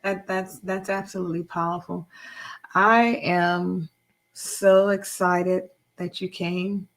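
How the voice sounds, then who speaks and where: A woman's voice: on the low side, level tone, slow pace. A woman hosting a faith-based interview show, encouraging her guest and quoting scripture. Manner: encouraging, affirming, quotes scripture. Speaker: podcast host.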